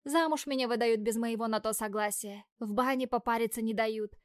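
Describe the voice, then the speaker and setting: A woman narrating a first-person audiobook in a lively, expressive reading, dropping now and then to breathy whispers. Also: fairly high pitch, a little fast, dry recording, studio quality.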